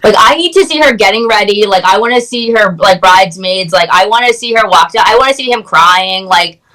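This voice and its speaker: A woman guest chatting casually over a video call, excited and gushing, saying "like" constantly. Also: medium pitch, a little fast, low-quality recording. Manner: excited, gushing, heavy use of "like". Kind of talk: casual chat.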